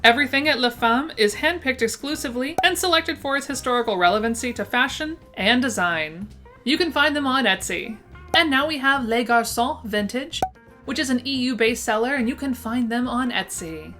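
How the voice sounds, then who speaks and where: A woman's voice: on the high side, lively intonation, normal speed, sharp tone. A woman with a lisp that makes her s slushy, enthusiastically presenting a scripted roundup list. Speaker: presenter of a vintage shop roundup. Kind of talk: upbeat scripted list narration to camera. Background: background music.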